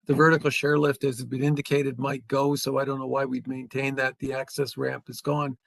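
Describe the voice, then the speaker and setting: A Canadian man on a planning committee giving measured, hesitant remarks at a public hearing. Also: mid-range voice, completely flat delivery, gravelly, dry recording. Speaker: committee member.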